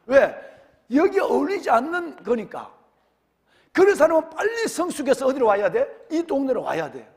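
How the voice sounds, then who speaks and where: Gyeongsang-accent pastor guy preaching, high voice, big echo in the sanctuary. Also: moderate pace. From Gyeongsang region, Korea. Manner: animated, rhetorical questions to the congregation. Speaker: senior pastor. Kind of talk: sermon. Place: church sanctuary.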